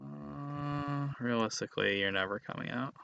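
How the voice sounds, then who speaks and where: A man streaming a card game, chatting casually, playful and teasing, sometimes breaking into excited laughter. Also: mid-range voice, normal speed, gravelly, clean tone, lo-fi sound. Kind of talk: casual chat while playing a card game.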